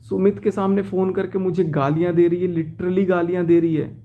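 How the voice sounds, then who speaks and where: A man's voice: high voice, flat delivery, moderate pace, phone-quality sound. A young man talking to his viewers from his car, agitated as he recounts a betrayal in a personal vlog. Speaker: vlogger.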